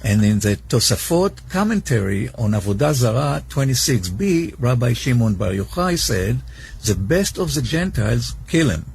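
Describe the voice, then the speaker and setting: A man from Israel giving a prepared monologue in a played video clip, measured and reading out passages. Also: medium pitch, big pitch swings, vocal fry, a little mellow, slight background noise.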